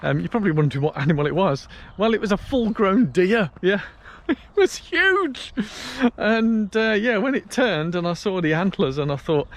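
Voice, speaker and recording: Walking outdoors along a canal path, a British vlogger tells chatty stories to his viewers in a high-pitched, animated voice. He talks fairly quickly, with few pauses. Faint outdoor ambience and traffic can be heard.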